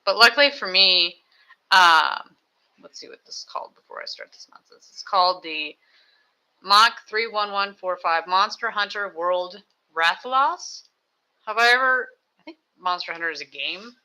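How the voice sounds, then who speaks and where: Rambling home streamer with a sharp, bright voice who chats and builds at the same time. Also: mid-range voice, moderate pace, smooth, poor audio. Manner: chatty, thinks aloud, self-mocking asides. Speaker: live streamer building toy sets. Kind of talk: casual rambling chat while building. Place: home desk with two computers.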